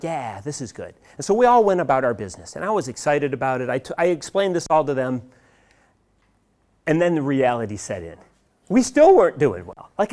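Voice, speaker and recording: A middle-aged man giving a live seminar talk, telling a story in an animated way and acting out what his colleagues said. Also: a little high. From United States. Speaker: seminar speaker.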